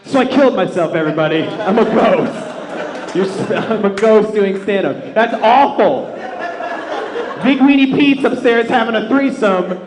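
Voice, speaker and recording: Higher-voiced male stand-up comic in echoey club. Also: normal speed, crowd noise. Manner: animated, self-deprecating, profane. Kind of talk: live stand-up comedy storytelling with crowd work. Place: indoor comedy club stage before a live audience. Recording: echoey comedy club with audience. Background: audience laughter.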